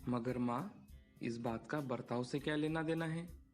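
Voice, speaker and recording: A man's voice: mid-range voice, measured pace, faint music behind, close to an everyday voice. A man voicing an earnest young son who pleads with his mother for fairness. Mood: pleading.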